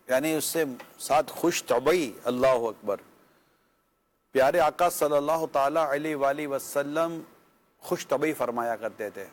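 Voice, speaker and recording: A man with a Pakistani Urdu accent, a religious scholar giving earnest, conversational marital advice, full of pious phrases and rhetorical questions. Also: mid-range voice.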